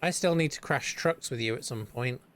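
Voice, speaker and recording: Rambling young British streamer. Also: male voice, medium pitch, normal speed. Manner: rambling, hums nonsense to himself. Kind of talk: casual chat while gaming.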